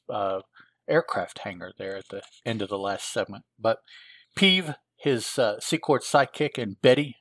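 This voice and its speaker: A man's voice: mid-range voice, a bit bright, no room sound. A man reviewing old comic books, retelling the plot in a rambling, casual way with lots of filler words. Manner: rambling, with frequent filler words and self-corrections.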